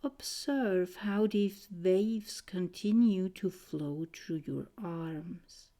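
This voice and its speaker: A woman guiding a trance meditation in a soothing, mesmerizing way, with short gentle phrases and a soft, breathy voice that often nears a whisper. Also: fairly low pitch, extremely slow. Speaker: guided meditation narrator.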